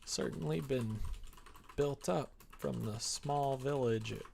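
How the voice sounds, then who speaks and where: Slow and creaky, this man's mid-range voice has a darkish tone, with slight background noise behind it. He's a live streamer making a visual novel, keeping the chat casual and playful as he writes and codes, tossing in jokes and sometimes mumbling to himself.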